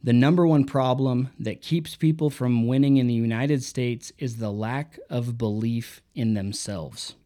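A man with a mellow, warm tone talks through a self-help book in a relaxed monologue. He reads short quotes aloud, then reflects on them with his own anecdotes. His pitch sits in an ordinary middle range. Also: unhurried, few pauses. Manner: reflective, reads out quotes and adds personal stories. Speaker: book reviewer. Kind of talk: casual book review monologue.

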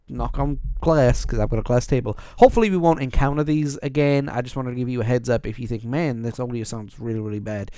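A man with a mid-range, slightly mellow voice and clean tone hosts a music podcast. He chats casually, rambling and poking fun at himself, though his audio sounds compressed and dull.

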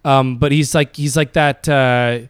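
A man's voice: mid-range voice, fairly even intonation, unhurried, clean tone, no echo, clean studio sound. A hungover young man in casual banter with friends, hesitant and searching for words.

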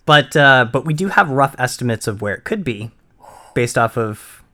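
A man from Maine co-hosts a casual podcast, explaining things at a middling pitch. He talks in halting bursts, full of ums and restarts as he works out each point. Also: expressive, bright, forceful tone. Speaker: podcast co-host. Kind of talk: casual chat.

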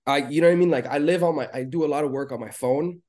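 A man from Lebanon talking as a podcast guest in a relaxed, rambling way with lots of fillers. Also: a little high, fast. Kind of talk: casual interview chat.

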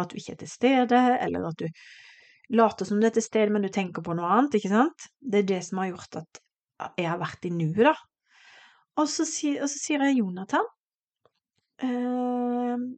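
A middle-aged woman shares a painful memory as a podcast host, her telling emotional and animated. She acts out what each person said as she goes. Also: mid-range voice. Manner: emotional, animated retelling with quoted dialogue. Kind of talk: personal storytelling.

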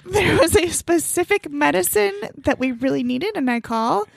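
A woman co-hosting a casual podcast, an animated, teasing storyteller who laughs easily. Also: high voice, normal speed, gravelly, dry recording. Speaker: podcast co-host. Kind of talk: casual chat.

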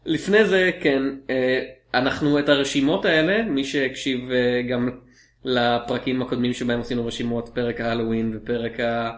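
A man co-hosts a casual film podcast, bantering with a wry, playful edge. His voice is mid-pitched. The recording has a roomy echo. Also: flat delivery. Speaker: podcast co-host. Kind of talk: casual podcast chat about films.

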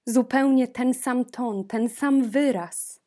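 A woman's voice: fairly high pitch, slow, dark tone, voice pushed up. Woman doing a wistful old court marshal.

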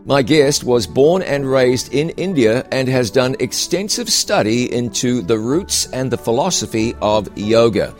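A man's voice: medium pitch, animated, soft background music. Curious male pastor hosting an interview. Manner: curious, quick follow-up questions with restarts. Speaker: pastor and show host.

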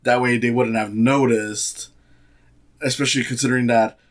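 A man's voice: mid-range voice, steady tone, normal speed. A man giving a casual, sarcastic movie review, rambling with many fillers and restarts. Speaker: film reviewer.

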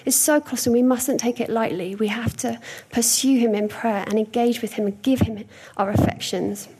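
A woman's voice: a little high, steady tone, normal speed, noisy background. A young woman preaching a sermon in a conversational, storytelling way, with frequent hesitations.

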